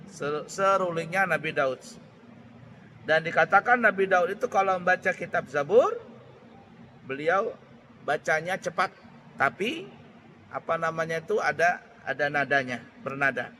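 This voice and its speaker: Man, preacher giving a lecture; bright, fairly high voice, halting restarts, faint vehicle noise. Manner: unhurried, searching for words with restarts. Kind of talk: religious lecture. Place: Islamic boarding school.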